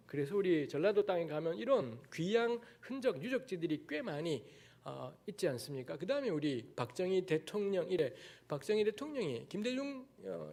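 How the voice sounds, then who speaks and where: A man's voice: on the high side, gravelly, a little mellow. A man from Daegu giving a lecture-style sermon as a guest preacher in a church, talking bluntly and candidly with frank asides. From Daegu, South Korea. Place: church sanctuary.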